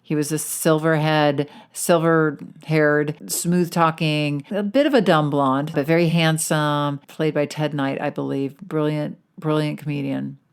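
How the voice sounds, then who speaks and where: Low-voiced enthusiastic woman coach. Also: steady tone, a little slow, few pauses, smooth. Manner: enthusiastic, conversational, encouraging. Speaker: weight-loss coach and podcast host. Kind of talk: casual podcast monologue.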